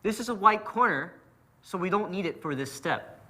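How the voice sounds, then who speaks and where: An instructor walks through a puzzle method one step at a time in a high, pushed, bright voice with lively intonation. He keeps a moderate pace and a patient, methodical manner.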